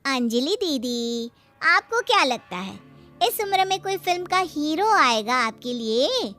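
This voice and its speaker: Woman doing snarky young sister in law, high sharp voice, needling and meddling, cartoon story. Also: sing-song, a little slow, soft background music, heavily acted. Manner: needling, pointed. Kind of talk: Hindi cartoon story acting.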